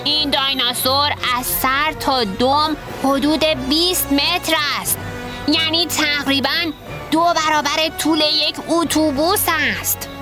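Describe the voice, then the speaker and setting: A woman's voice: high-pitched, steady tone, natural voice. A woman voicing a young boy dinosaur who patiently explains things, reading storybook dialogue over music. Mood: explaining. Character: young boy dinosaur, curious know-it-all. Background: background music.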